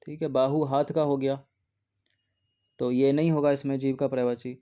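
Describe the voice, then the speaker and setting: A man's voice: mid-range voice, little pitch movement, normal speed, warm tone, highs cut off. A man teaching exam preparation, going through test answers one by one in a patient way and often checking in with "okay". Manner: patient, repeats "theek hai" often.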